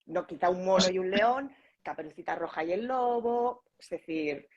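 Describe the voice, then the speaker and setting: A woman co-hosting a relaxed talk on storytelling, acting out little scenes as she explains. Her voice is husky and a bit low, and she keeps checking in with short questions. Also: moderate pace, dull audio. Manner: lively storyteller, many tag questions. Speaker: co-host. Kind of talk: casual chat about storytelling.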